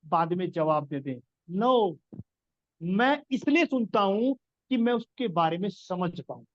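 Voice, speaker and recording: A man's voice: high-pitched, no echo, lo-fi sound. A man giving an earnest business coaching talk, explaining his points and repeating key phrases for emphasis. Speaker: business trainer.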